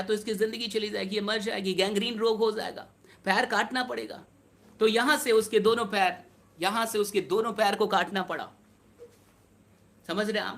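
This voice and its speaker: A man's voice: sits high, pushed and bright. A man telling a true-life story with emotion, repeating phrases for emphasis and speaking directly to his listeners. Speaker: motivational storyteller. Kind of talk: emotional storytelling to an online audience.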